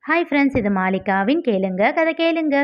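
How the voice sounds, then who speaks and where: A woman's voice: high-pitched, expressive, moderate pace, highs cut off, faint music behind. A woman narrating a novel chapter as a storyteller, reading expressively.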